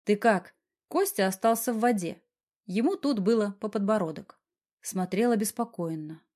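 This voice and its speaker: A woman's voice: mid-range voice, expressive, moderate pace, dark tone. Woman narrating an audiobook. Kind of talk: scripted narration.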